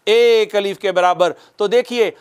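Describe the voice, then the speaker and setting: A man's voice: high-pitched, smooth. A man teaching a recitation class, patiently repeating sounds and asking questions that he answers himself. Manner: patient, repeats sounds slowly for students to copy. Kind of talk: recitation lesson.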